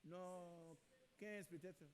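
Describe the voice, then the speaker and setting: A man's voice: high-pitched, steady tone, very slow. A man preaching a sermon in a church, emphatic and repeating his key phrases. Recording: long reverb in a church hall.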